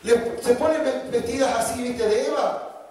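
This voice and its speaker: Rioplatense pastor, high-pitched man, wry and mocking, heard from afar in a reverberant church. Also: moderate pace, a little mellow, slight background noise. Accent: Rioplatense Spanish. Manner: joking, mocking, acts out quoted voices. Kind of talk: sermon. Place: church hall. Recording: echoey church from a distance.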